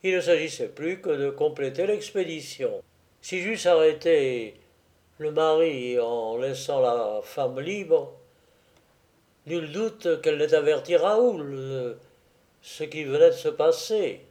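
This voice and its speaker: A man reads a first-person memoir aloud as an audiobook, in a fairly high but mellow voice. His delivery is very slow and deliberate, with the odd hesitant filler. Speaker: narrator.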